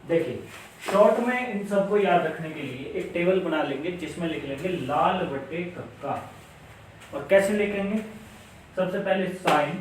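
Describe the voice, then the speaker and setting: A man's voice: high-pitched, background noise. A male maths teacher giving a classroom lesson, patiently repeating each step and asking questions aloud. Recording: very echoey room, mic far away.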